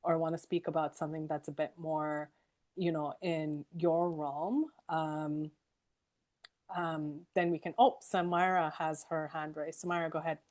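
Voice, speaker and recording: A woman moderating a discussion, gentle and inviting, with some fillers. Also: low voice, level tone, measured pace.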